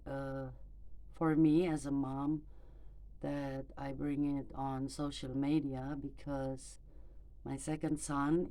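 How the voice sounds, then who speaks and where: A mother in her forties records a personal vlog into her phone camera, speaking English hesitantly with many fillers. English is not her native language, and neither is German. Her voice is deep with a dark tone.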